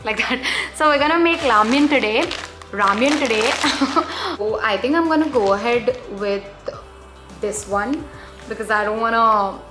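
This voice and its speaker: A woman's voice: on the high side, lively intonation, very slow, reverberant, music in the background. A young woman with an Indian English accent, chatting in a bubbly, giggly way to her viewers in a casual vlog. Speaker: vlogger.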